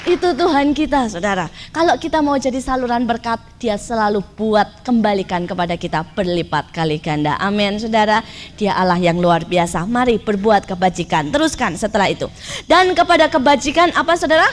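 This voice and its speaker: A woman's voice: medium pitch, expressive, brisk. A middle-aged woman preacher telling a story in a sermon, often turning to her listeners directly. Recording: faint background noise.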